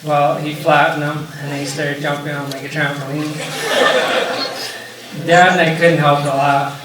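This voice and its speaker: A man's voice: a little high, little pitch movement, normal speed. A young man from Canada giving a wedding toast as best man, telling light anecdotes. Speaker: best man, groom's older brother. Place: large echoey indoor reception room, mic far away. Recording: very echoey, distant, noisy event hall.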